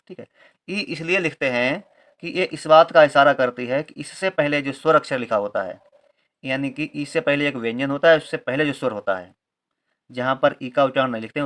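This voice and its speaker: During a Hindi-medium lesson on reading English, a man explains the rules in a mid-range voice with a bit of brightness. He takes his time spelling words letter by letter and goes back over each point, tacking on a confirming aside.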